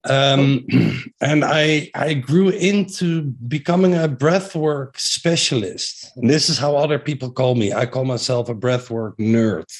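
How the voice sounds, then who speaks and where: A middle-aged Dutch man with a strong accent chats as an interview guest about his breathing work. He's eager and rambling, restarting often and using fillers, with a medium-pitched, unhurried voice.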